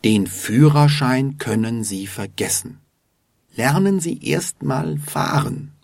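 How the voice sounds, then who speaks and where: A man's voice: mid-range voice, big pitch swings, takes it slowly, creaky, a little mellow, no echo, clean studio sound, full character voice. A man voicing a stern female driving examiner who snaps and scolds. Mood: irritated scolding. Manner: snapping, scolding.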